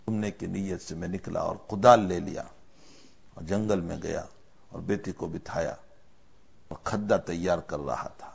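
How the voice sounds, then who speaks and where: A man preaching a sermon as a story, with emotive delivery that swells loud and then drops low. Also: gravelly, husky, dull audio.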